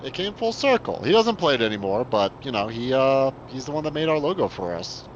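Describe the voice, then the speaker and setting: A man's voice: mid-range voice, big pitch swings, brisk. A man co-hosting a casual hobby stream, talking in a rambling way with lots of restarts. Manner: rambling, many fillers and restarts. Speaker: co-host. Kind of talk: casual chat. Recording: dull lo-fi sound, faint noise.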